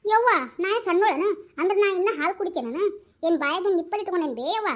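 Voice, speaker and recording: Woman doing a sassy north karnataka teen sister, very high voice, teasing and quick-tongued. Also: animated. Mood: cheeky. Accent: North Karnataka Kannada. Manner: sassy, teasing, talks back. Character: cheeky teenage younger sister, quick-tongued. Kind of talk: homemade village drama.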